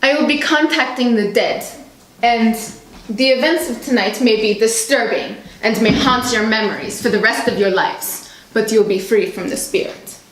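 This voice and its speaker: A woman playing a solemn seance medium in a student film, speaking gravely and portentously. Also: on the high side, normal speed, close to an everyday voice. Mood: solemn, ominous. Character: solemn, ominous female seance medium contacting the dead. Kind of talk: scripted student film drama. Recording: echoey room with background noise.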